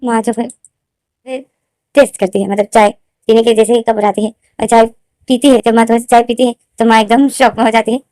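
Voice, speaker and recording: A woman's voice: steady tone, brisk, a little mellow, no echo. A woman retelling her own fanfiction story in casual spoken form, repeating herself often and lifting her voice for quoted lines. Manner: repetitive, fillers, rises in pitch for quoted lines.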